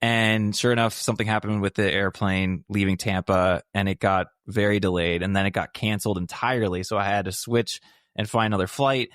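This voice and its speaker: A man co-hosting a podcast as the drummer, telling stories in a relaxed way and laughing along. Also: lowish voice, brisk, no echo, clean studio sound. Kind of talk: casual podcast chat.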